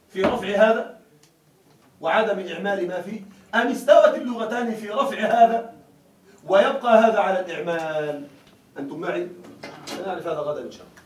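A man with a high voice lectures on grammar and keeps checking with his students that they follow. He sounds distant from the mic, and the room adds a lot of echo. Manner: keeps asking students to confirm. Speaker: grammar teacher. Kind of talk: classroom lecture. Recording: echoey room, mic far away.

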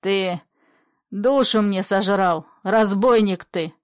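A woman reading an old father, all loud fury and bitterness, his voice pushed high and hard. The reading is slow and dry, with no room around it. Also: clean tone, no echo, lightly acted. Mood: angry. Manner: furious shouting. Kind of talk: play reading.

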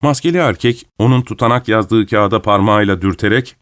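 A man narrating a classic short story in an even, measured reading. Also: fairly low pitch, clean tone, no echo, studio quality.

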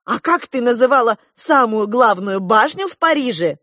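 A woman's voice: on the high side, lively intonation, moderate pace, fairly bright tone, dry recording, studio quality, voice pushed up. A woman reading an audiobook, voicing a hesitant, evasive grown man, a father. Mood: mild.

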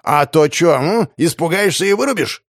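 A man's voice: a little high, animated, normal speed, dry recording, clean studio sound, voice pushed up. A man voicing a hot-headed male thug who snarls and swears. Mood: angry.

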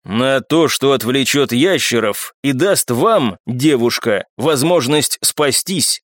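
A man doing a stern, measured captain in a storybook, slow and lecturing. The voice is close to the reader's own, only slightly raised. The sound is dry and close. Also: mid-range voice, animated, no echo. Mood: grave.

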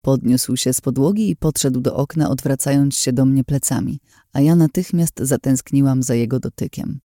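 A man narrating an audiobook in the first person, with a steady, measured reading. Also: mid-range voice, no room sound, clean studio sound.

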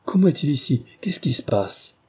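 A shaken lady forcing herself to stay calm, in a male reader's put-on voice. His husky, dark voice is raised a little for her. Storybook heroine. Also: fairly high pitch, moderate pace, voice pushed up, heavily acted. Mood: distressed. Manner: strained, trying to sound calm. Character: pale, distressed young lady.

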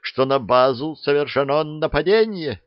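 A squeaky, flustered young lieutenant, as a male reader puts him on, pitched high and shrill as he insists on clearing the room. The storybook audio is dull and dry. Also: lively intonation, moderate pace, no room sound, natural voice. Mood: shrill insistent. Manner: insistent, barking orders.

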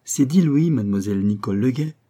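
A man's voice: mid-range voice, lively intonation, fast, dark tone, husky. A man reading an audiobook plays a boastful, penniless gambler who speaks pompously and sententiously.

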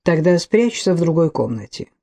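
A woman's voice: lowish voice, very animated, moderate pace, dark tone. A woman reading an audiobook who voices a timid, bespectacled man who mutters in a subdued way.

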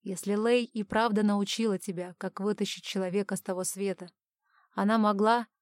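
A detached male mind-mage, read by a woman narrator, delivering grim news in a flat, measured tone. The audiobook sounds dry and close. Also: medium pitch, dry recording, close to an everyday voice. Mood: quiet gravity. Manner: dispassionate, measured.

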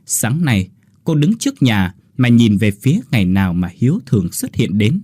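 Husky, expressive male storyteller. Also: medium pitch, moderate pace, dry recording, clean studio sound. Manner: expressive, dramatic reading. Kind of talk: scripted ghost-story narration.

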